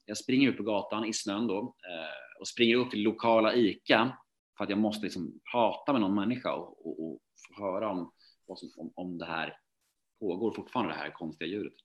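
A man telling his recovery story in a casual, rambling way, full of fillers and restarts. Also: fairly low pitch.

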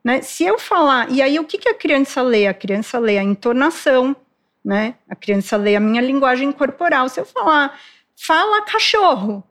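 A woman, a child development specialist, explaining calmly in a podcast conversation and acting out what parents say. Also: sits high, normal speed. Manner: explanatory, acts out parents' lines.

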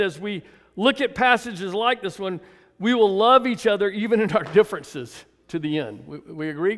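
A man's voice: high-pitched, fairly bright tone. A man in his seventies preaching a sermon as pastor, folksy and chuckling, asking the congregation to answer back. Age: 70s. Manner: folksy, chuckling asides, calls for congregation response. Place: church sanctuary. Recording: long reverb of a church hall.

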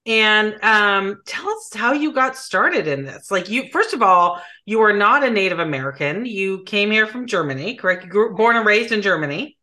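A woman hosts a relaxed interview, joking about herself and laughing along with her guest. Her voice is bright and forward, with a lively, teasing manner. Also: mid-range voice, moderate pace, few pauses. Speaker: host. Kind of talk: casual interview conversation.

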